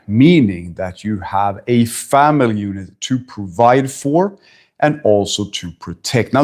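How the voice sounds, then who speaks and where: A man's voice: mid-range voice, a little mellow. A man in his forties from Sweden, a personal trainer talking bluntly and emphatically to camera at a friend's house, swearing now and then. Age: 40s. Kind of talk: talking-head fitness vlog.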